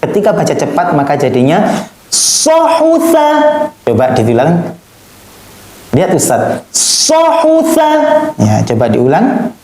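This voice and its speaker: A male Quran reading teacher, drilling children through syllables with sharp, high, pressed demonstrations and low coaching asides. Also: animated, moderate pace. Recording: echoey room.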